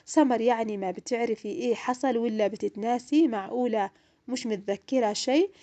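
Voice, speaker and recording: A woman voicing a cold, accusing young female roommate in a spoken story, in her own fairly high voice. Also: a little fast, dark tone, close to an everyday voice.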